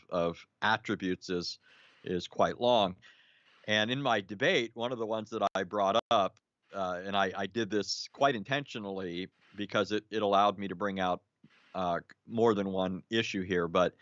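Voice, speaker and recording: A man's voice: fairly low pitch, a bit bright, no room sound, highs cut off. A man explaining at length on a live online show, lecturing with many fillers, restarts and a questioning "right?".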